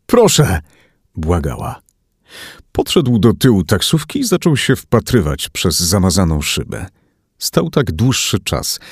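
A man reading a thriller audiobook aloud as narrator, in an expressive, dramatic manner. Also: deep voice, slightly rough, no echo, studio quality. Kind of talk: scripted narration.

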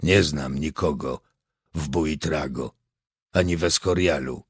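A man voicing a suspicious, grim male partisan leader with a terse, gruff manner. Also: extremely low pitch, unhurried, no echo, pitched below the performer's own voice, heavily acted. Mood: sullen.

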